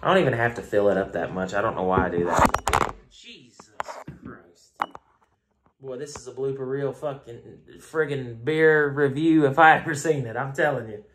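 Reviewing a beer at home on a phone camera, this Southern US man keeps things chatty, rambling and self-mocking. His mid-range voice is a bit bright and fairly quick, with a little hiss or hum in the background.

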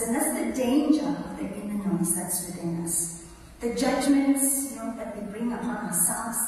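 In a large church sanctuary, a woman with a fairly high pitch and darkish tone gives a conversational sermon, emphatically posing rhetorical questions to those gathered. The lectern mic makes her sound distant in the echoey hall, with slight noise underneath.

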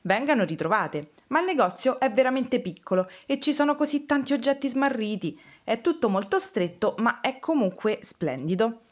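A teacher, a woman, reading a story aloud to children in an expressive, animated way. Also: on the high side, normal speed, few pauses, muffled recording.

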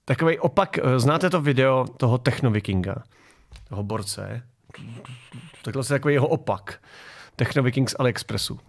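A man's voice: medium pitch, vocal fry, pauses often. A man hosting a political commentary show from his garage, mocking video clips in a sarcastic tone.

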